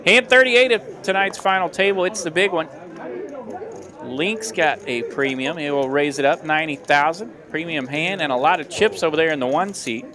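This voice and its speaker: A man calling poker hands play by play on a live stream, quick and upbeat. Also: on the high side, a crowd in the background. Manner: quick, upbeat hand-by-hand calls.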